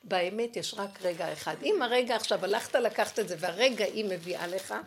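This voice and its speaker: A woman's voice: medium pitch, slight background noise. A woman giving a fervent religious talk, telling personal stories and acting out the dialogue. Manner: acts out dialogue, shifting voice for quoted people; fervent, rising to emphatic peaks. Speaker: spiritual teacher.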